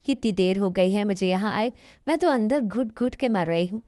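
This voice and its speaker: A woman voicing a helpless young second wife who speaks softly and pleads. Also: medium pitch, normal speed, dry recording, clean studio sound, lightly acted. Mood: pleading. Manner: soft, pleading.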